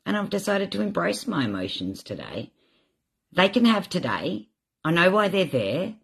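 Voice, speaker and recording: A woman with a husky, slightly breathy voice talks openly on a live stream. She rambles and reflects on her feelings, and she sounds tearful and worn out. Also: fairly low pitch, big pitch swings, normal speed. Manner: emotional, rambling, self-reflective. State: tearful, drained. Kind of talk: candid live stream monologue.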